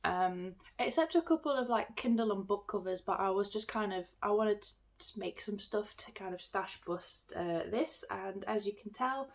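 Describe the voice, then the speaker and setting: A woman's voice: mid-range voice, animated, normal speed, vocal fry. An English woman with a bunged-up, swollen-throat sound, chatting casually and ramblingly to her phone as a self-deprecating vlogger. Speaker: artist and craft market seller vlogging. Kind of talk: casual chat to camera. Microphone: phone filming.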